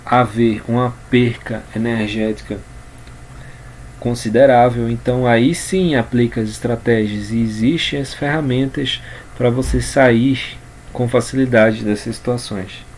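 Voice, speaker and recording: Brazilian man teaching in unhurried speech. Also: medium pitch, a little hiss or hum. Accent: Brazilian Portuguese. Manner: unhurried, repeats words and restarts phrases while explaining. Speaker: communication coach. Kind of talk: informal spoken lesson.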